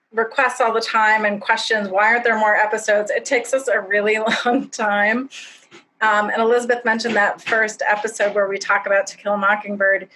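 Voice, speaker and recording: A woman's voice: mid-range voice, bright, forceful tone, low-quality recording. A woman who co-founded a podcast, explaining its start in a candid, self-deprecating way with light laughs. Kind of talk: casual explanation in a webinar.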